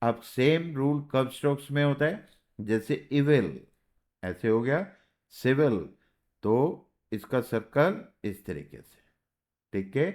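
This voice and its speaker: A man's voice: medium pitch, animated, slow, darkish tone. A man teaching a shorthand lesson, patiently repeating words and checking in with his students as he writes. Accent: Indian. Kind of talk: explaining a lesson while writing.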